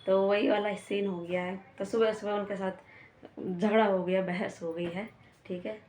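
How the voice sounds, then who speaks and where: A woman's voice: mid-range voice, steady tone, normal speed, a little mellow. A young woman with a Pahadi Hindi accent, chatting casually as she retells a quarrel with a neighbour, full of "I said" asides. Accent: Uttarakhand Pahadi Hindi. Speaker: vlogger. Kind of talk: casual storytelling to camera. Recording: echoey room with faint background noise.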